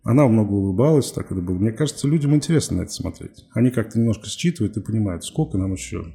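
A man's voice: lowish voice, animated, very fast, vocal fry, mellow, soft background music. A man in his forties, a TV journalist speaking as a podcast guest, talking candidly and with a defiant, wry edge. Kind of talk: candid interview talk.

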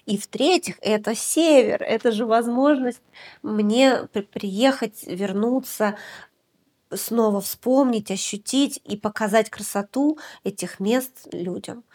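A woman's voice: on the high side, slow, darkish tone. A woman documentary director from Yakutia, talking through her work in a podcast interview, reflective and full of hesitations. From Yakutia, Russia. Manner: reflective, hesitant, many filler sounds.

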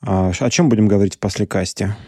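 A man co-hosting a podcast, speaking in a friendly, slightly halting way. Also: on the low side, dark tone, husky, no room sound, clean studio sound. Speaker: podcast co-host. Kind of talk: casual podcast talk.

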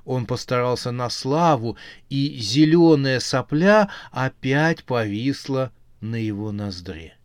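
Brief: male audiobook narrator, measured and very slow, dry close recording. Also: medium pitch, expressive, clear, resonant tone, no room sound. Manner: measured, unhurried storytelling.

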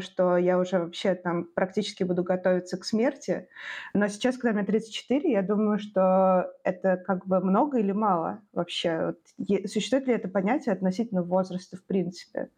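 Husky, mellow woman in her thirties. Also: mid-range voice. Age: 30s. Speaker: guest, documentary filmmaker. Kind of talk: casual podcast chat.

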